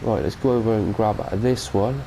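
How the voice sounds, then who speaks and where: This British gaming channel host, who has a cold, gives a casual, wandering review of a farming game mod and keeps correcting himself. He has a lowish, mellow voice with vocal fry at a moderate pace. Slight background noise and poor audio come through.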